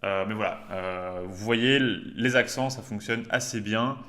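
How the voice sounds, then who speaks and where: A man hosting a casual tech demo, talking in a relaxed, chatty way with slang and frequent hesitations. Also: lowish voice, a little slow. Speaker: host.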